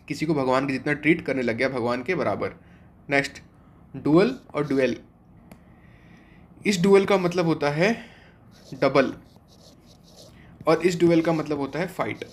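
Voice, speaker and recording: A young man teaching an online exam-prep vocabulary class, explaining step by step and asking and then answering his own questions. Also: on the high side.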